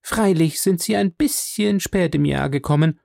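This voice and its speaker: A man voicing a young woman who gives urgent, hurried warnings on a lonely moor. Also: on the high side, vocal fry, warm tone, no echo, clean studio sound, voice pushed up.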